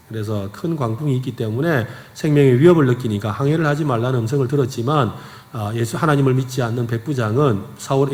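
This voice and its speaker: A man's voice: medium pitch, a little mellow. A male pastor with a Gyeongsang accent, preaching a sermon and telling stories in an earnest way. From Gyeongsang region, South Korea. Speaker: senior pastor. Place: church sanctuary. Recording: echoey church hall.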